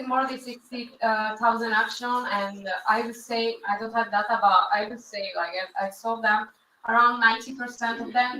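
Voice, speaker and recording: With a medium-pitched, sharp voice, a woman hosts an awards ceremony streamed live, hesitating, repeating herself, and phrasing things like a non-native speaker. The sound is echoey and distant in a hall, with slight background noise.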